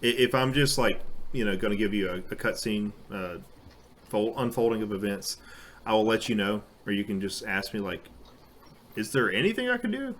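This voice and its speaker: A man's voice: lowish voice, fairly even intonation, normal speed, fairly bright tone, a little hiss or hum. A man acting as game master in a casual tabletop session, laid-back and patiently explaining how the game works.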